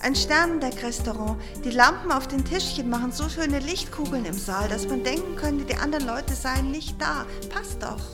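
Woman playing a bubbly, high-voiced alien teen girl. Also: normal speed, hardly any pauses, lightly acted. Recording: music playing underneath.

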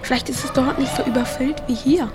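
A woman's voice: sits high, steady tone, a little fast, very noisy, close to an everyday voice. A woman voicing a teenage boy from Earth in an audio drama, with casual, slangy teen talk. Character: teenage boy from Earth, cocky but grieving. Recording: music playing underneath.

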